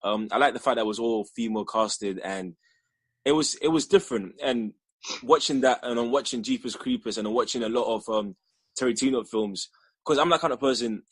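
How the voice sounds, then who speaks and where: Young guy from ghana, bit husky, dry close sound, rambly interview chat. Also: medium pitch, brisk, no echo. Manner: rambling, restarts often, laughs easily. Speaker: filmmaker guest.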